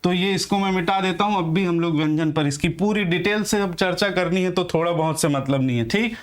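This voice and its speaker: Male teacher, young adult, high pitch, patient lecture delivery that drills each letter aloud. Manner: repeats questions and answers them himself, addresses viewers as friends; sounds out letters slowly for practice. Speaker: Hindi grammar teacher. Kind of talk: classroom lecture.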